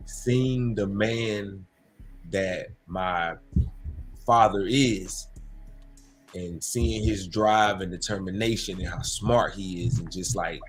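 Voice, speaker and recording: A man in casual, reflective chat with friends, laid-back, slangy and a little hesitant as he thinks aloud. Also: lowish voice.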